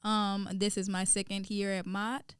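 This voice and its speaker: A woman's voice: mid-range voice, flat delivery, unhurried, smooth, dry recording, studio quality. Confident young woman student. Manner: friendly, confident, laughs easily. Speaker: student guest. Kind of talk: casual podcast interview.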